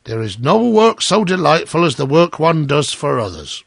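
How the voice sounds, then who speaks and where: A man's voice: on the high side, very animated, normal speed, creaky, no echo, studio quality, exaggerated voice. A man voicing a smug, self-righteous miller in a storybook tale, lecturing in a pompous, preachy manner. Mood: hearty, smug. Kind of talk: storybook character voice.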